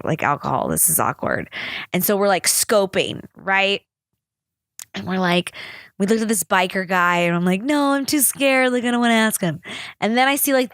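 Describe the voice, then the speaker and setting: A woman's voice: on the low side, a bit bright, no room sound, clean studio sound. A young woman hosting a casual solo podcast, telling a story in a rambling way, full of fillers and laughter. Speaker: podcast host.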